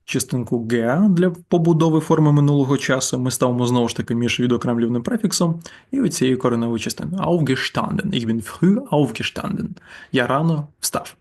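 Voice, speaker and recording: A man teaching a German grammar lesson over slides, explaining patiently and repeating examples slowly. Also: medium pitch, lively intonation, a little mellow.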